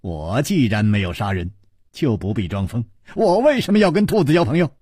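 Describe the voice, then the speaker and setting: A man's voice: mid-range voice, very animated, a little fast, a little mellow, breathy edge, no echo, studio quality. A man doing a cool, teasing swordsman. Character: calm, sly, confident young male swordsman hero.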